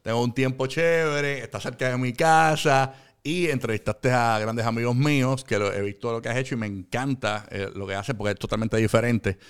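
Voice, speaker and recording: A middle-aged man, a radio host who is the guest in a casual interview. His voice is mid-pitched and ordinary. He tells stories in a rambling, animated way, full of fillers. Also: moderate pace, clear, resonant tone. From Puerto Rico.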